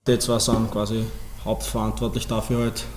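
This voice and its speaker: A man's voice: on the low side, moderate pace. A young man answers interview questions. His voice stays strikingly level, with little rise or fall. A faint hum of ambience sits behind him. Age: 20s. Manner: even, flat delivery with many fillers. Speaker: footballer.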